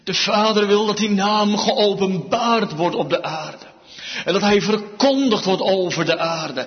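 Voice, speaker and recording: A man preaching a sermon, slow and emphatic, his voice swinging widely in pitch and loudness. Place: church. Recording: dull sound with long reverb, church hall.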